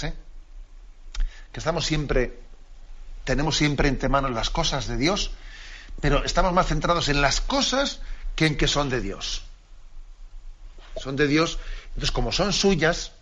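A priest giving an earnest radio catechism talk, repeating key phrases for emphasis. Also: male voice, medium pitch, a bit bright. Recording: dull lo-fi radio broadcast.

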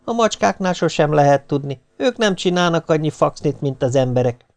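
A man reading an audiobook, voicing an excitable mother who is quick to snap. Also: fairly high pitch, voice pushed up. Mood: indignant.

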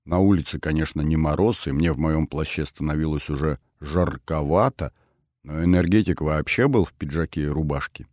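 Deep, dark-voiced male narrator. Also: moderate pace, dry recording, studio quality. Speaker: audiobook narrator. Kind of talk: first-person audiobook narration.

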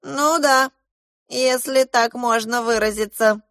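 A woman's voice: a little high, fairly even intonation, slow pace, a bit bright, no room sound, studio quality, voice pushed up. A woman voicing a bossy, theatrical male goose pilot in a storybook reading, declaiming and commanding. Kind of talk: audiobook character voice.

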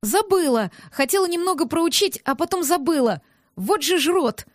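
A woman voicing a rough, angry young male neighbor who growls and barks commands in an audiobook. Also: very high-pitched, lively intonation, moderate pace, no room sound, studio quality, pitched above the performer's own voice. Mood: contemptuous.

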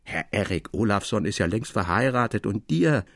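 A man's voice: fairly low pitch, expressive, moderate pace, a bit bright, no echo, clean studio sound, voice pushed down. A man doing a stern fatherly old mine owner. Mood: scolding. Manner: earnest, scolding.

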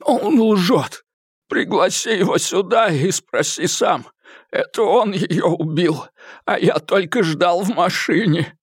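A man's voice: high voice, animated, slow, slightly rough, no echo, clean studio sound, voice pushed up, heavily acted. A man voicing a panicked, bleeding male thug who pleads and screams out of breath in an audiobook. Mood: whining. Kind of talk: audiobook character voice.

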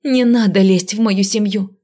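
A woman's voice: medium pitch, moderate pace, lightly acted. Woman voicing a fiery young sorceress student. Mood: angry. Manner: sharp, defiant and sarcastic. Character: fiery young female first-year magic student. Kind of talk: audiobook character voice.

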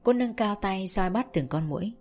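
A woman narrating a spoken story in a steady, measured way. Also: mid-range voice, soft background music. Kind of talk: audiobook storytelling.

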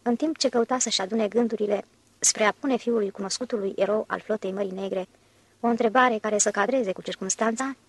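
A woman's voice: medium pitch, steady tone, husky, dry recording. A woman narrating a novel as an audiobook, raising her voice for the characters' lines.

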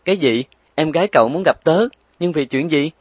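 A man voicing a frantic young man who learns he is a father, alarmed and loud. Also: fairly high pitch, expressive, a little fast, breathy edge, dry recording, pitched above the performer's own voice. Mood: shocked.

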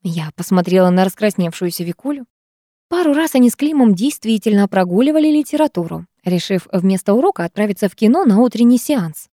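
A woman narrating a first-person novel in an even, calm storytelling manner. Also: mid-range voice, fairly quick, no echo, clean studio sound. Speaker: audiobook narrator.

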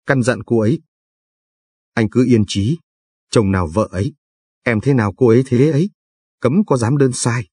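A man's voice: mid-range voice, moderate pace, pauses often, darkish tone, husky, no room sound, studio quality, close to an everyday voice. A man voicing a fawning, nervous male clerk who talks deferentially and eagerly.

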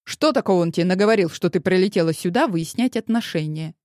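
A woman gives voice to a grown mother who speaks firmly, with a dry sarcastic edge. Her pitch moves a lot, and the recording is close and dry. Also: lively intonation, fast talker, darkish tone, no room sound, lightly acted. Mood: stern. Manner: firm, dryly sarcastic. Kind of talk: audiobook character voice.

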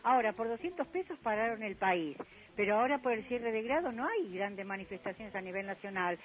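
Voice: mid-range voice, lively intonation, brisk, rough recording. Schoolteacher venting on a radio voicemail, fed up and bitter. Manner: angry, indignant complaining. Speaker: listener leaving a voicemail.

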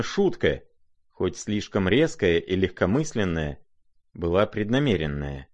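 A man narrating a classic novel as an audiobook, measured and expressive. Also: lowish voice.

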